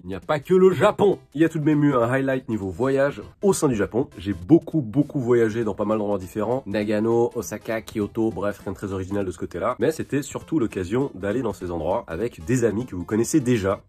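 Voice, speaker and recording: A man's voice: medium pitch, darkish tone. A man in his thirties talking to camera in a casual year-review vlog, joking and self-mocking as he reviews his year. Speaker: YouTuber living in Japan.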